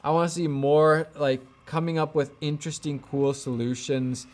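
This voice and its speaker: A man with a slightly high but darkish voice, level tone and normal pace hosts a relaxed livestream as a camera gear YouTuber. Giving opinions and responding to viewers, he goes off the cuff, rambles, thinks aloud and backtracks partway through thoughts.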